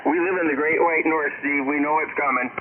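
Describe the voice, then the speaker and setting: A man's voice: on the high side, steady tone, a little fast. A man from Wisconsin checking into a ham radio net, good-humored and fond of saying roger. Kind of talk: casual on-air radio chat. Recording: tinny noisy radio transmission.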